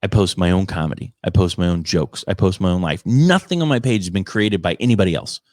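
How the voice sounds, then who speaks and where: A man's voice: deep voice, fast talker, darkish tone, dry recording, studio quality. A man who works as a comedian, ranting casually in an exasperated, emphatic way and often repeating himself. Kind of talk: casual conversational rant.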